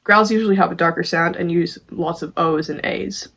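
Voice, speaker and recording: A woman's voice: fairly low pitch, normal speed, vocal fry, background noise. Casual woman giving a tutorial. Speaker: amateur vocalist presenting a tutorial.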